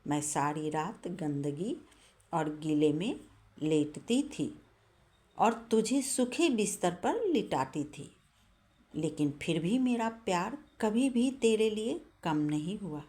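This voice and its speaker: A woman voicing a patient, loving mother in a spoken moral story, speaking gently and slowly. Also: on the low side, expressive. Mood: reproachful. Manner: gentle and pleading, then stern and reproachful. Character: patient loving old mother, firm when needed.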